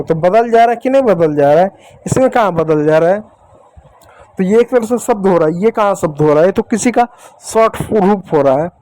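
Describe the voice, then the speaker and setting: A man with a fairly high voice and a Hindi accent teaches children to read English. He asks a question and answers it himself, and he spells out each letter slowly and deliberately. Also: warm tone, no room sound, poor audio. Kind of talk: explaining phonics on a board.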